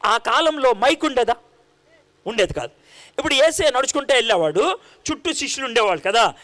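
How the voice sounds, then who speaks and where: A man preaching a sermon in an animated, conversational way, full of rhetorical questions to his listeners. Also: very high voice, a little fast.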